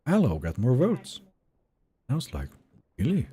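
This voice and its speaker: Low mellow-voiced young man streaming. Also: measured pace, breathy edge. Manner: relaxed, chatty, reads and answers chat. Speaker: game streamer. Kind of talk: live gameplay commentary.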